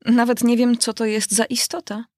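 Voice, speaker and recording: A woman's voice: a little high, flat delivery, moderate pace, darkish tone, no echo, studio quality, voice pushed up, natural voice. A woman voicing a polite, curious young girl in an audiobook, with an earnest, musing way of speaking. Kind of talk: audiobook character voice.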